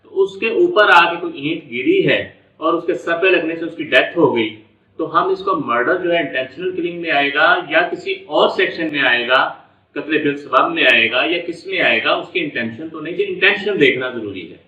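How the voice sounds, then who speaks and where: A man with a Pakistani accent explains law at a moderate pace, his fairly high, expressive voice carrying a sharp edge. He restates ideas step by step with English legal terms mixed in, recorded in an echoing room by a distant microphone with a dull sound.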